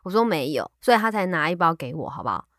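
A young woman co-hosting a podcast in casual chat, lively and teasing, laughing often. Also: fairly low pitch, racing, dry recording, clean studio sound. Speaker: podcast co-host.

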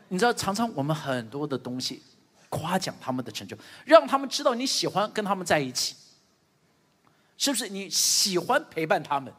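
A man's voice: a little high, breathy edge, in a large hall. A middle-aged male pastor giving a sermon, telling stories about his family and acting out what each person says. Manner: animated storytelling, acting out family dialogue. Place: church stage.

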